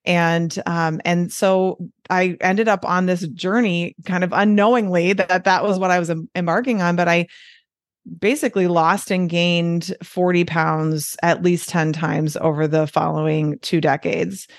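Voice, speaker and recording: Chatty and unhurried, a forties-aged Midwestern American woman appears as a podcast guest, working as a weight loss coach, and keeps dropping in fillers and soft laughs. Her fairly low voice stays at a fairly even intonation. It's recorded very dry and up close, without any echo.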